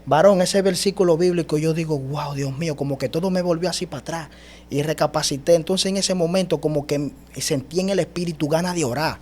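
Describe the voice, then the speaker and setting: A man giving an animated personal testimony as a guest, speaking emphatically and often calling the host brother. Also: fairly high pitch, brisk. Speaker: guest telling his testimony.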